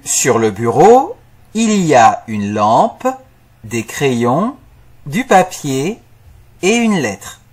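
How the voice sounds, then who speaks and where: Guy as observant young student, slow and husky, learner audio story dialogue. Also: medium pitch, very animated, darkish tone, heavily acted. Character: observant young male student describing clues slowly.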